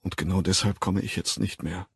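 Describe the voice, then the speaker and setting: Man doing a gruff, curt stubborn man. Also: low voice, steady tone, fairly quick, no room sound, heavily acted. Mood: curt refusal. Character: stubborn, blunt young man refusing.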